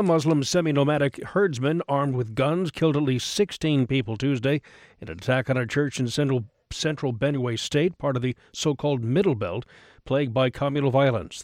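Guy reading radio news, scripted, mid pitch, really dry studio sound. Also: a little mellow, dry recording.

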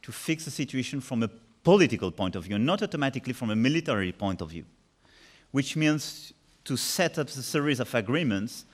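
A man's voice: mid-range voice, sing-song, brisk. A man making formal political remarks at a news conference.

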